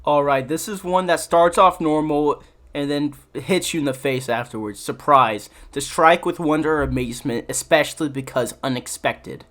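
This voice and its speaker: A man's voice: fairly high pitch, moderate pace, fairly bright tone. A young man, a video creator, reading aloud and reacting in casual commentary, laughing often, swearing and sounding exasperated.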